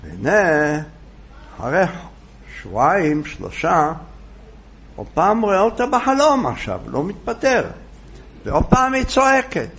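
A man gives a sermon, telling a story with a gravelly, fairly high voice. He moves through it animatedly, dramatizing each turn as he goes. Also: sing-song, pauses often, a bit bright.

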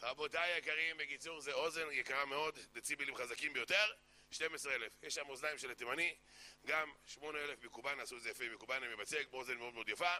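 A man giving a sermon that mixes jokes with Torah teaching, telling stories in an animated way and acting out the characters. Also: mid-range voice. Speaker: preacher.

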